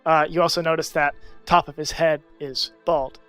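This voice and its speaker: A man narrating a tabletop game as game master over voice chat, in a loose, rambling, halting way. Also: a little high, level tone, a bit bright, faint music behind. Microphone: voice chat mic.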